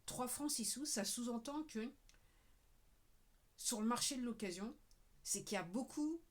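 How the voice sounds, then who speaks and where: Addressing her viewers directly, this woman rambles through a casual talking-head monologue, saying "ok" again and again and now and then lowering her voice to a murmur. She is a video creator with a fairly high, animated voice and a measured pace.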